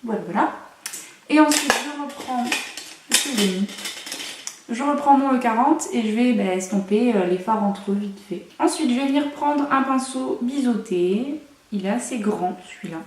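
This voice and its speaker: A woman's voice: a little high, moderate pace, far from the mic, noisy background. A young woman chatting through a makeup tutorial at home, with playful, self-mocking asides. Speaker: beauty vlogger. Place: room at home. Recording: echoey room, mic set away.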